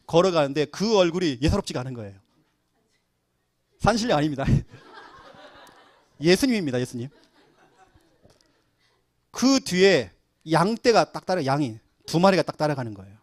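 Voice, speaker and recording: A middle-aged man, a pastor, preaching a sermon and telling stories with lively acted-out quotes. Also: on the high side, dry recording. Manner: animated storytelling, acting out quoted voices.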